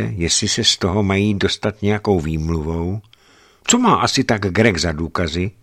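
A man narrating a literary audiobook in a measured, grave manner. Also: sits low, a bit bright. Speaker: audiobook reader.

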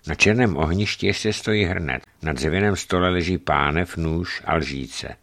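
A man narrating a travel memoir aloud in a measured, dramatic storytelling manner. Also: low voice, a bit bright.

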